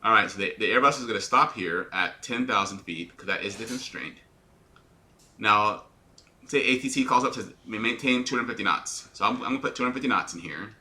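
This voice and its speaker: Speaking quickly in a sharp, lowish voice, this male airline pilot narrates a flight simulator session live. He adopts a mock radio-announcer style to explain every checklist item, occasionally repeating himself or starting over.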